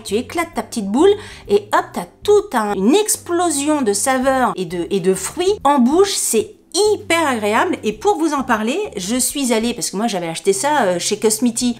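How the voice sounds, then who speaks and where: A middle-aged woman vlogger chatting casually to her viewers, enthusiastic and talkative, with many fillers and little laughs. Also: fairly high pitch. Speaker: beauty and lifestyle vlogger. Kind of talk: casual chat to camera.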